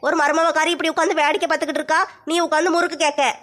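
A woman's voice: high voice, flat delivery, rapid-fire, fairly bright tone, voice pushed down. A woman playing a nagging, scolding elderly mother-in-law in a comedy skit. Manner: scolding, complaining.

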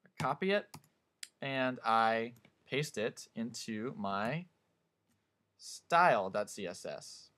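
A man teaching a class, talking through a screen-recorded software tutorial in a calm, step-by-step way. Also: medium pitch, slow pace, pauses often, a little hiss or hum. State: hiccups.

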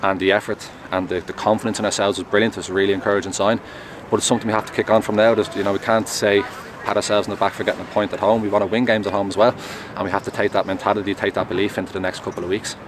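A young man speaks quickly and earnestly in a post-match interview, his voice sitting slightly low. He talks outdoors on a close mic. Clear traffic hum runs behind him. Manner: measured, earnest, steady. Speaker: goalkeeper. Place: outdoors at a stadium, in front of a sponsor board at night.

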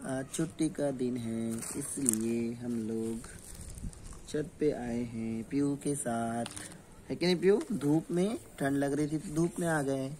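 A man's voice: medium pitch, slow, dark tone, a little hiss or hum. A man talking in a casual home vlog on a sunny rooftop, coaxing a toddler in a playful way. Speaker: vlogger. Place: home rooftop in the sun, outdoors.

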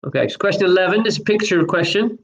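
A man's voice: high-pitched, expressive, fast talker, low-quality recording. Chatty man hosting an online quiz. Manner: chatty, apologetic, reads questions twice. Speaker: quiz host.

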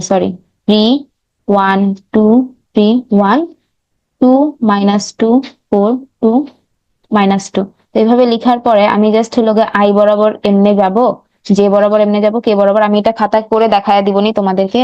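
A woman's voice: mid-range voice, no room sound. A young woman teaching an online recap lecture, walking through steps on a board and often correcting herself mid-sentence. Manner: talks through steps on a board, frequent self-corrections and fillers. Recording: slightly dull dry mic recording.

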